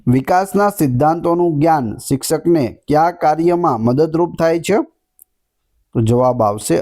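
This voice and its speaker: Male exam tutor, reads questions then answers them, mellow tone, slightly high-pitched. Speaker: exam prep teacher.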